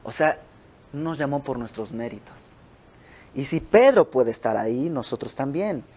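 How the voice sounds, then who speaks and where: A young adult man with a Mexican Spanish accent leads an informal Bible study in a house, teaching conversationally and acting out the stories with animated quoted dialogue. His voice is medium-pitched at normal speed. The home recording has audio flaws, including a little hiss or hum.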